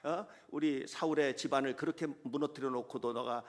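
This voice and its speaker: A male preacher voicing a spiteful man who follows a fleeing king and hurls mocking curses at him, in a lower, quieter tone than his preaching. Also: fairly even intonation, fairly quick, lightly acted. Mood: jeering. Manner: jeering, mocking.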